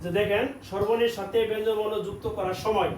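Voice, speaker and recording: A high-pitched man leads a classroom language lesson, patiently drilling sounds and calling on the class to repeat them. He is recorded from a distance in an echoey room with clear background noise. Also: fairly even intonation, fast talker. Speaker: Korean language teacher. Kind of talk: classroom lesson with call-and-response.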